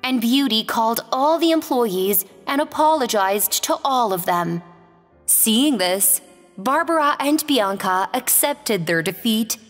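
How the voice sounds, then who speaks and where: A woman narrating a children's fairy tale in a gentle, expressive read-aloud manner. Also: a little high, unhurried, in a large hall, soft background music. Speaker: storyteller.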